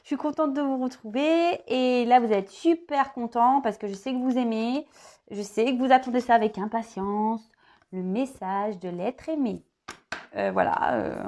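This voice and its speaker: A hoarse woman giving a casual tarot reading to her viewers, chatty and full of fillers and restarts. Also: on the high side, darkish tone, a little hiss or hum. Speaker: tarot reader.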